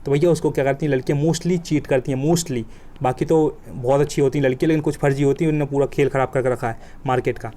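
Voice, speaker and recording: Fast-talking vocabulary teacher, man. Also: medium pitch, fairly even intonation, warm tone. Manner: colloquial, joking, emphatic with vivid examples. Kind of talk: exam coaching lesson.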